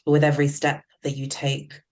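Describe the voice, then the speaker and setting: Calm, even-toned woman guest. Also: sits low, brisk, low-quality recording. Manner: calm, flowing, spiritual phrasing. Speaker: hypnotherapist guest. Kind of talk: interview answers. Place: remote call.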